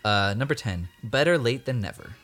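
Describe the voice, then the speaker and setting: A man's voice: medium pitch, animated, normal speed, fairly bright tone, soft background music. A man hosting a podcast in casual chat, quizzing and teasing his co-hosts and laughing often. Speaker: podcast host.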